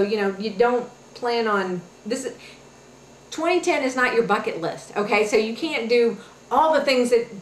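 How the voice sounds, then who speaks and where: A woman's voice: mid-range voice, slight background noise. A woman hosting a casual health and fitness vlog, talking chattily with encouraging advice. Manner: chatty, many fillers and restarts, encouraging. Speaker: health and fitness webisode host. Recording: echoey room with faint ambience.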